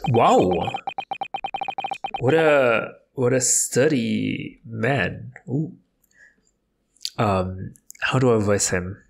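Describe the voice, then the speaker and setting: A man's voice: mid-range voice, very slow, creaky. A man commenting casually as he plays through a video game, with chatty, sarcastic asides. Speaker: let's play host. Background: game music.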